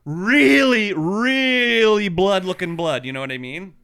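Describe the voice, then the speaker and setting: A man co-hosting a podcast, telling a rambling story in a casual, animated way with a lot of swearing. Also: sits high, takes it slowly, vocal fry, clear, resonant tone. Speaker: podcast co-host.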